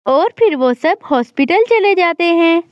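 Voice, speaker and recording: A woman's voice: extremely high pitch, animated, a little slow, lo-fi sound, slight background noise. A woman narrating a children's doll story in a simple, plain way.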